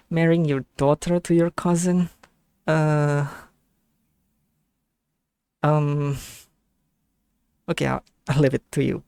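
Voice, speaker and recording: An Indonesian-accented streamer with a gravelly, fry-laden voice in a dry, close-sounding recording. The delivery is casual and hesitant, with frequent self-corrections while thinking aloud in reaction to a video. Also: medium pitch, mellow, dry recording.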